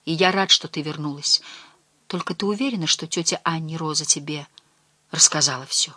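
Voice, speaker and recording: A woman's voice: low voice, brisk, bright, forceful tone, breathy edge, no echo, full character voice. A woman reading the part of a wary, defiant ten-year-old boy in an audiobook, in a grumbling, blunt manner.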